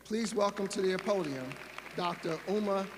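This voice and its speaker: A man's voice: high voice, steady tone, moderate pace. A man presenting at a ceremony, formally introducing the next speaker with a light joke. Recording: reverberant PA sound with faint background noise.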